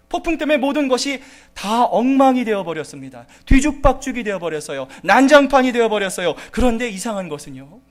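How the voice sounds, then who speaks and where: A man preaching as pastor in a church, speaking dramatically, often calling out to the congregation and acting out pleading voices. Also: high voice. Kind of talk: sermon.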